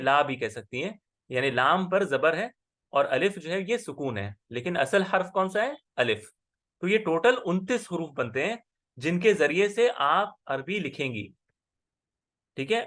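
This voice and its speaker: Patient male Arabic teacher, fairly high voice. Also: a bit bright. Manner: patient, explaining, often checks with "ठीक है". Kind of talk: online class lesson.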